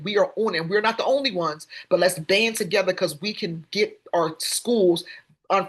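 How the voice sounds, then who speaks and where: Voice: medium pitch, fairly bright tone. A parent organization leader hosting a webinar, speaking in a fiery, repetitive way with casual slang and acted-out quotes. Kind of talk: impassioned advocacy webinar talk.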